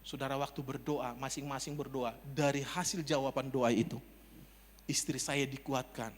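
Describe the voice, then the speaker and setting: A man preaching as a pastor, telling a personal story in a chatty way and building to loud calls to the congregation. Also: medium pitch, steady tone, moderate pace. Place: church service. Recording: long church hall reverb.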